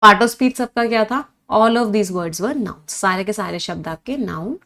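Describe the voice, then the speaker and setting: A woman's voice: mid-range voice, takes it slowly, vocal fry, pushed and bright. A woman teaching English vocabulary in an online class, quizzing her students, praising their answers and switching between Hindi and English as she spells words out.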